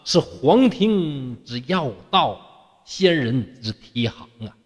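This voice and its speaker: A man's voice: on the high side, big pitch swings, slow pace, long reverb tail, exaggerated voice. A man voicing an earnest male Taoist tutor who lectures his friend. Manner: earnest, preachy.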